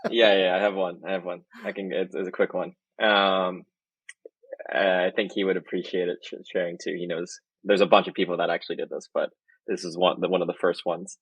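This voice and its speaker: A man's voice: low-pitched, little pitch movement, brisk, a bit bright, husky, no room sound, rough recording. A man, a marketing executive guest, telling a rambling anecdote in casual podcast chat and often correcting himself mid-sentence.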